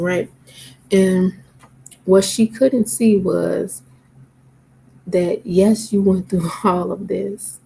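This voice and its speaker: A woman's voice: fairly low pitch, creaky, mellow, a little hiss or hum, rough recording. A tired, sleepy woman talking casually to camera, rambling with lots of fillers. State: sleepy, yawning.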